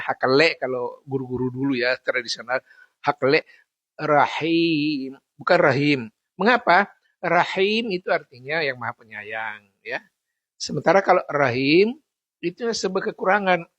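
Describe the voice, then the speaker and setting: A man teaching how to recite a scripture passage correctly, patiently repeating and slowly chanting example words. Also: mid-range voice, a bit bright, no room sound. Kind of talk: instructional talk on recitation.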